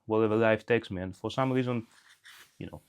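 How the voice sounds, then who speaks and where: A man's voice: fairly low pitch, brisk, clean tone. A middle-aged man from Greece, a podcast guest talking in an unscripted way, thoughtful and hesitant with many restarts. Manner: reflective, hesitant, frequent restarts.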